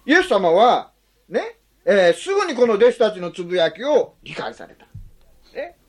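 Pastor, male, conversational sermon; breathy husky tone, wildly animated pitch. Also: normal speed. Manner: chatty, asks the congregation questions, adds "ne" often.

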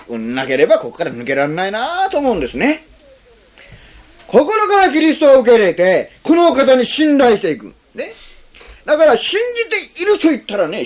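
A male pastor preaching a sermon in an easy, talkative way. His pitch leaps up and drops down constantly, and he keeps checking in with the congregation with a little "ne". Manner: conversational, frequent tag "ne", lively swings in pitch.

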